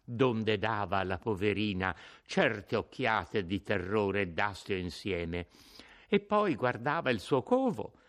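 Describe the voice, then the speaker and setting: A man narrating a classic novel as an audiobook in a slow, expressive reading. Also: on the low side. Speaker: audiobook reader.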